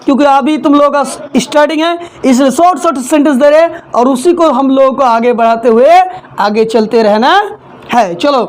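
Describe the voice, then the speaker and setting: A woman's voice: high-pitched, moderate pace, darkish tone. A woman teaching English in a classroom, repeating each point and having the class echo it back. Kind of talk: classroom lesson, call-and-response drilling.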